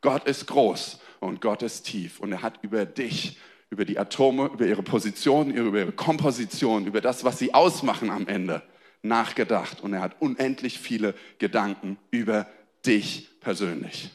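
Man, young adult, sermon to a congregation, swings between hushed low stresses and raised excited lines, calls for amens, stage mic. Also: moderate pace. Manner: addresses the congregation directly, calls for amen and applause. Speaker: preacher. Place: church hall before a congregation.

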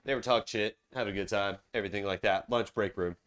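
A man's voice: on the low side, quick pace. A man from South Carolina without a regional accent, telling stories in casual chat and swearing freely. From Charleston, South Carolina. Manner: animated storyteller, swears.

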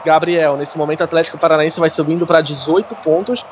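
A Brazilian man gives live play-by-play of a football match. His voice sits fairly high, with faint stadium noise behind it. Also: steady tone, fast, muffled recording, some chatter behind. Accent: Brazilian Portuguese.

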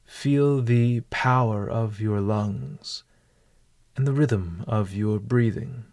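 A man leading a guided walking meditation in a calm, deliberate, measured way. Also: mid-range voice.

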